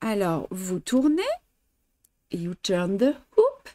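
A woman's voice: mid-range voice, very animated, slow pace, dark tone, a little hiss or hum. A woman teaching traditional embroidery on a live stream, giving patient step-by-step instructions full of fillers and chatting with her viewers. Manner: chatty, greets and answers viewers' comments. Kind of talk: live craft demonstration, switching languages.

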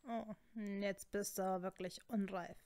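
A woman's voice: medium pitch, steady tone, a little slow, darkish tone, lightly acted. A woman voicing a snarky, stubborn young wizard man with a dry, sarcastic drawl, in a storybook reading. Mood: snide.

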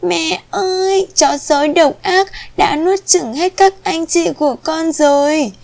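A woman voicing the smallest goat kid in a children's story, high and tearful. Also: slow, creaky, darkish tone, exaggerated voice. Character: tiny youngest goat kid, sobbing.

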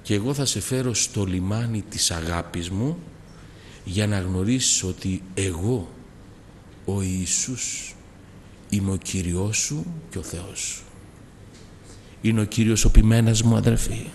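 A Greek man preaching a testimony sermon. He moves from soft, slow prayer to loud, rising exhortation. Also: fairly low pitch, slight background noise. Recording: reverberant hall with faint background ambience.

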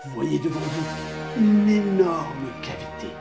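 A man voicing a grim male narrator of a dark quest, delivered slowly and dramatically. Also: fairly high pitch, gravelly. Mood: ominous. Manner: slow, dramatic, ominous delivery. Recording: echoey clip with loud music.

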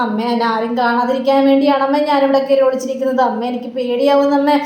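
A woman's voice: high voice, steady tone, rapid-fire, dull audio, close to an everyday voice. A woman voicing a frightened grown son who whines and pleads with his mother. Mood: pleading. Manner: whining, pleading. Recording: roomy with faint background noise.

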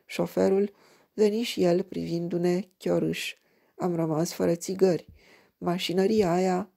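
A woman reading a crime story aloud in an even, measured way. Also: fairly low pitch, vocal fry. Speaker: audiobook reader.

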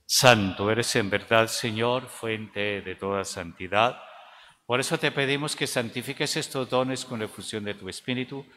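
Older male priest, liturgical recitation, forceful bright tone, long cathedral echo. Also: lowish voice, moderate pace. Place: large church, at the altar. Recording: long cathedral echo, faint background noise.

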